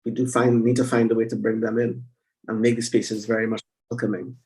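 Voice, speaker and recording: Middle-aged Trinidadian man as panel moderator, dark gravelly voice, a little far from the mic. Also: lowish voice, level tone, a little fast. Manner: hesitant, many restarts and fillers. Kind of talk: online panel discussion. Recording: distant from the mic.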